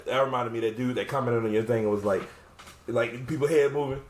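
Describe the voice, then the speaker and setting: With fairly even intonation and a quick pace, a man of medium pitch explains drum rudiments step by step as a drumline instructor. He demonstrates on a drum, keeping it casual, thinking out loud and correcting himself. The recording is in an echoey room with drum playing behind him.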